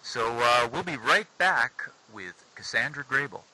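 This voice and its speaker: A man's voice: mid-range voice, animated, a little slow, pushed and bright, poor audio. A man hosting a casual interview, laid-back and joking with playful asides. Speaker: host.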